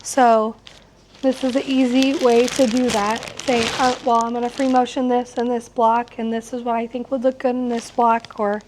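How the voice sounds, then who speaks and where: Slightly hoarse, higher-pitched woman teaching. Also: little pitch movement, normal speed. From United States, located in Missouri. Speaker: quilting instructor. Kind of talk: informal hands-on class demonstration. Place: shop workroom with warehouse shelving, small seated class. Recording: clear background noise in shop room.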